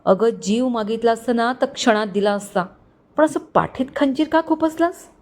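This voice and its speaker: A woman's voice: on the high side, normal speed, darkish tone, natural voice. A woman voicing an angry young groom who coldly scolds his former bride in a storybook reading. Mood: reproachful. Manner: stern, reproachful.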